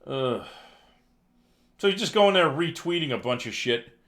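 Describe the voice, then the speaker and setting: Bright-voiced sarcastic male news streamer. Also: a little high, expressive, fairly quick. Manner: sarcastic, reads headlines then riffs with exasperated asides. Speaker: livestream news commentary host. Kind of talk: casual live news commentary.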